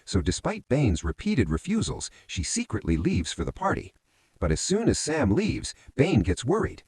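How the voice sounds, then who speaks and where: A man's voice: medium pitch, moderate pace, slightly rough, dry recording. A man narrating a movie recap as a story, often calling his listeners friends. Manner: addresses listeners as friends, lively rising and falling delivery.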